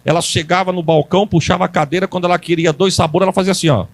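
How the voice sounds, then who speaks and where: A pastor, high-voiced and racing along with fairly even intonation, gives a storytelling Pentecostal sermon in church. He engages the congregation in call-and-response, rises to loud preaching, and speaks in folksy, colloquial grammar.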